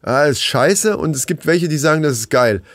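A man's voice: on the high side, animated, normal speed, fairly bright tone, no echo, studio quality. A man co-hosting a podcast in casual, colloquial, joking banter. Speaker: podcast co-host.

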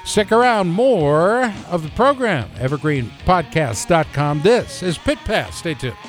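Brief: male radio host, slightly raised pitch, joking and relaxed, faint music underneath. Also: unhurried. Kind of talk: casual radio interview.

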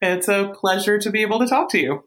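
A woman in her late thirties talking candidly and haltingly in an interview, her voice altered to hide her identity. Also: mid-range voice, expressive. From small town. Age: late 30s. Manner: hesitant, halting recollection. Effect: voice altered for anonymity. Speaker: anonymous interview guest.

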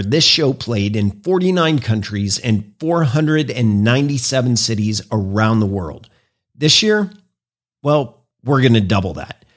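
A man hosting a podcast, delivering a scripted intro and monologue in an earnest, measured, persuasive way. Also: mid-range voice. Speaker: podcast host.

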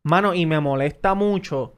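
A man's voice: a little high, normal speed, smooth. A man with a Puerto Rican accent, co-hosting a casual podcast and ranting crudely with lots of restarts, in a studio. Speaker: podcast co-host and taco business owner. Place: professional studio.

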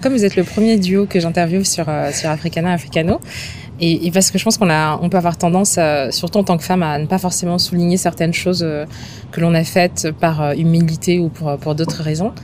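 A woman hosting an interview podcast, asking careful, measured questions. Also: lowish voice, steady tone, darkish tone, a little hiss or hum. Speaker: podcast host.

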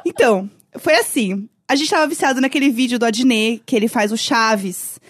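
A woman from Brazil in her thirties, co-hosting a podcast and telling stories with lively laughs and shrieks. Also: a little high, moderate pace, noisy background. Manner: animated storytelling, shrieking laughs. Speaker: podcast co-host. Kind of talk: casual chat.

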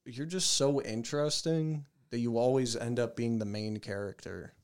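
A man's voice: mid-range voice, moderate pace, darkish tone, clean tone. A man co-hosting a casual podcast, teasing his friends with dry jokes. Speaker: podcast co-host. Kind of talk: casual chat.

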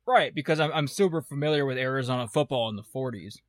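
This podcast co-host talks fast in a mid-range voice, heard through a dry, clean studio recording. On the casual sports betting show, he is blunt and teasing, needling his partner with wry sarcasm.

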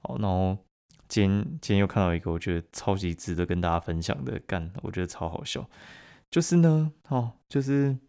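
Blunt deep-voiced Taiwanese podcast man. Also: fairly quick, clean tone. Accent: Taiwanese Mandarin. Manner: blunt, profane, laughs at his own stories; bursts louder and higher when mimicking others. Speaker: podcast host. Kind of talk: casual solo podcast chat.

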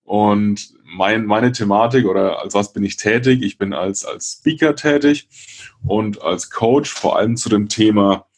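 A man's voice: on the low side, a little slow, husky. A man of thirty with a Franconian accent and a rolled r, talking about himself as an interview guest. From Franconia, Germany. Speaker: guest, speaker and change coach. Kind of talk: conversational interview, personal account.

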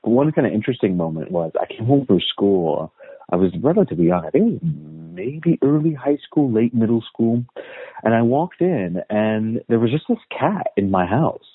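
A man's voice: medium pitch, big pitch swings, moderate pace, breathy edge, no room sound. A man from the United States, a guest historian, talking in a casual interview with a thoughtful, storytelling manner and many restarts. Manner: thoughtful storyteller, frequent "uh" and repeated words. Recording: tinny phone-like line, dry.

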